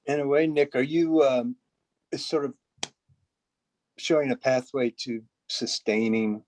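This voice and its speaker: A man in a group asking a halting, searching question. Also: mid-range voice, a little mellow, no room sound, low-quality recording. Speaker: group participant.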